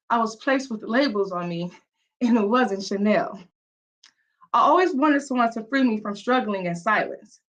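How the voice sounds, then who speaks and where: A woman from Mississippi with a Southern accent, giving an earnest, rehearsed business pitch over a video call. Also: a bit bright. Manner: earnest, storytelling delivery. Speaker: entrepreneur pitching. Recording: dull lo-fi video call audio.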